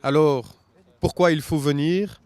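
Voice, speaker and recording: Brief: man, slightly high pitch, explanatory, answers his own questions. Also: steady tone, unhurried, a little mellow, clear, resonant tone, dry recording.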